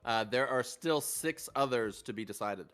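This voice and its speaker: A man co-casting a live online game tournament, explaining plays in a measured way with frequent fillers. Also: mid-range voice, a bit bright, clean tone. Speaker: esports co-caster. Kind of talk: live esports analysis.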